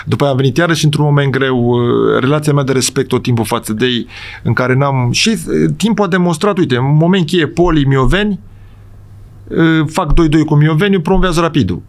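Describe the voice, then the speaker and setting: In a studio podcast chat, this middle-aged man, a football coach, rambles emphatically, keeps starting over, and quickly checks in with the host. His pitch sits fairly high.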